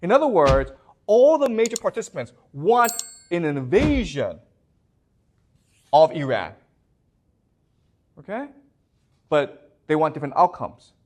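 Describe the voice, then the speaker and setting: A man's voice: on the high side, very animated, measured pace, pauses often. A man lecturing a class as a professor, often repeating words and constantly checking that the students understand.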